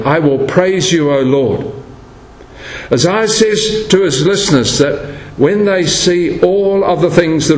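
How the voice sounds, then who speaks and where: Preaching man in an echoey church. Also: a little high. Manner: storytelling, acts out quoted voices. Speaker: pastor. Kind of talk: sermon. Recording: echoey room with faint background noise.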